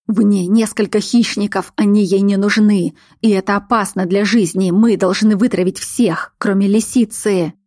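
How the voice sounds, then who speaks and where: A woman's voice: medium pitch, steady tone, moderate pace, hardly any pauses, darkish tone, no echo, clean studio sound, close to an everyday voice. A woman voicing a stern, insistent father, a big surgeon, in an audiobook story.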